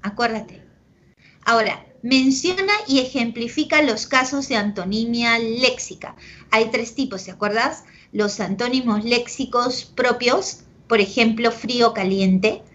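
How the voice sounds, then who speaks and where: High-voiced Peruvian woman teaching a class. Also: unhurried, a bit bright. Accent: Peruvian Spanish. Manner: explains with examples, constantly checks in with "¿ok?" and "¿de acuerdo?"; affectionate with students. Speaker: pre-university language teacher. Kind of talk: online class lecture. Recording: dull lo-fi audio.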